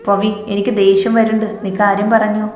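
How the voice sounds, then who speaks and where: A gentle young husband speaking softly and coaxingly, as a woman storyteller reads him. The voice stays level, without much lift. Long echo hangs in the room around it. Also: medium pitch, monotone, fairly quick, natural voice. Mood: tender. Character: young man, tender loving husband. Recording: echoey room with long reverb.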